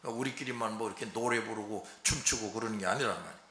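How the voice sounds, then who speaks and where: A man preaching a Sunday sermon as a pastor, in a folksy way, often checking in with his congregation through quick rhetorical questions. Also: lowish voice, sharp tone, reverberant.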